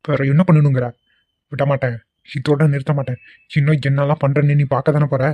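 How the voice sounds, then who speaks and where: A man's voice: mid-range voice, flat delivery, fast talker, narrow, tinny audio, heavy background noise, natural voice. A man voicing an arrogant, threatening middle-aged son who quarrels with his mother in a cartoon. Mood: angry. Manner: harsh, threatening. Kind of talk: cartoon voice acting.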